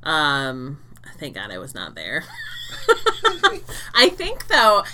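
A woman's voice: low voice, wildly swooping pitch, extremely slow, bright, forceful tone. A woman co-hosting a podcast, chatting casually and teasing her co-hosts with a laugh. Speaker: podcast co-host. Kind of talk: casual chat.

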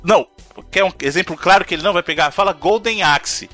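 A man's voice: high voice, rapid-fire, a bit bright, soft background music. A Brazilian man co-hosting a casual gaming podcast, arguing his point emphatically and repeating himself for emphasis. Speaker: podcast co-host. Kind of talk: casual chat about video games.

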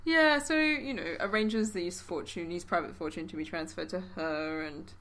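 A woman's voice: lowish voice, normal speed, a bit bright. A woman co-hosting a casual history podcast, talking in a playful, dryly humorous way. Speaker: podcast co-host.

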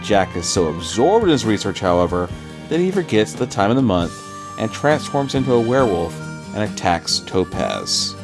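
Low guy on a comics podcast going through the plot, music going behind him. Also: very animated, normal speed. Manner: reads issue credits and plot recap, then chats with many fillers and repeats. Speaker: podcast co-host. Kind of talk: comic book podcast, summary then casual chat.

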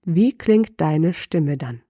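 A middle-aged woman voice coach giving a lesson, asking the listener slow, deliberate reflective questions. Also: deep voice, lively intonation, mellow, breathy edge, dry recording, lo-fi sound.

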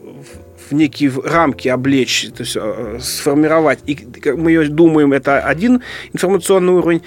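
Radio host guy, kinda high voice, long rambling questions, slows down hunting for words. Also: soft background music. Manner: long, searching questions, slowing down to find words. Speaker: radio show host, teacher. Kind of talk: radio interview hosting. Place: radio studio.

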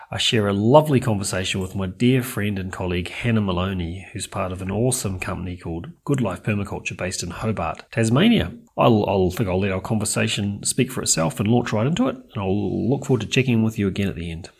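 A man's voice: lowish voice, gravelly, darkish tone, breathy edge. A man hosting a podcast, introducing a guest and asking friendly, rambling questions. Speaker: podcast host. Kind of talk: casual podcast interview.

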